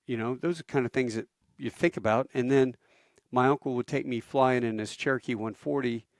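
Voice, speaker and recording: An older man from the United States recounts his path to flying in an animated, storytelling manner. His voice sits in a middle pitch. The sound is dry and close. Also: fairly quick, no echo. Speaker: guest, airline pilot. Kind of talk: storytelling interview.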